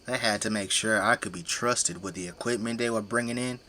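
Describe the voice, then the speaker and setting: In a lowish, bright, forceful voice, the actor speaks briskly as the boastful, tipsy middle-aged dad with a zombie-fighting flamethrower. He reminisces candidly, boasting in a folksy, colloquial, easygoing manner for the audio drama.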